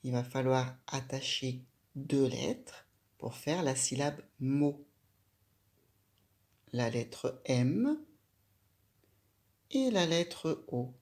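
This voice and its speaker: A woman's voice: extremely low pitch, expressive, extremely slow, pauses often, a little mellow. A woman giving a patient, step-by-step handwriting lesson, speaking directly to a young child with simple instructions. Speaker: handwriting teacher.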